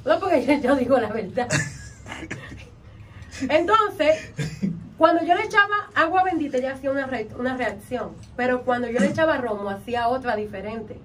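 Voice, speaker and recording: A woman with a Dominican accent, a vodou practitioner recounting a ritual in an interview, animated and acting out the things she said. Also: high voice, moderate pace. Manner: animated, acts out quotes and chants. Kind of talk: storytelling in an interview. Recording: distant mic, faint background noise.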